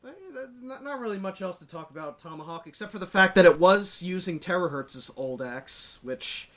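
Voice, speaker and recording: Man, podcast host, bright voice, high and animated, rambling casual talk. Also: normal speed. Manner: rambling, self-interrupting, laughs often.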